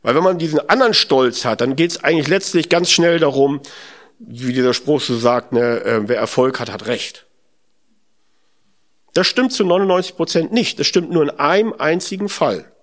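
Speaking at a moderate pace in a fairly bright, somewhat high voice, a man gives a chatty sermon. He reflects aloud, throws out rhetorical questions, and regularly adds "ne?" as a tag.

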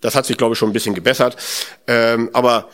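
A man's voice: mid-range voice, fairly even intonation, quick pace, fairly bright tone. A man giving a spoken sermon in a conversational way, musing aloud, asking rhetorical questions and often adding "ne?". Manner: conversational, often adds tag "ne?".

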